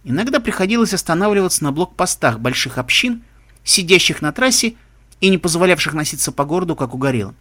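Male audiobook narrator, slightly high voice, steady and measured pacing. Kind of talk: audiobook reading.

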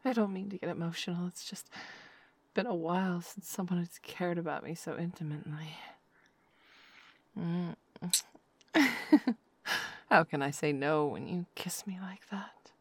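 Speaking in soft, slow whispers with quiet laughter, a woman voices a noblewoman lover who is both tender and possessive in an intimate audio roleplay. Her voice is high with big swings in pitch, and the recording is dry.

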